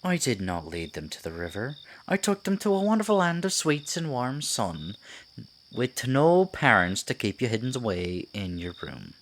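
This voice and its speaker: A man playing a sinister, silky Pied Piper in an ASMR roleplay, a theatrical storyteller who coaxes and condescends with deliberate delivery. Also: mid-range voice, big pitch swings, a little hiss or hum, close to an everyday voice. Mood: silky, condescending. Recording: night insects and forest ambience behind. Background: crickets, night forest ambience.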